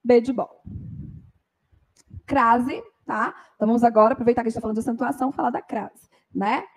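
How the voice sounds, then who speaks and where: A woman teaching a grammar lesson for exam preparation, explaining step by step and often checking in with a quick "tá?". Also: fairly high pitch, fairly even intonation, low-quality recording. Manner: explanatory, frequent "tá?" tag questions.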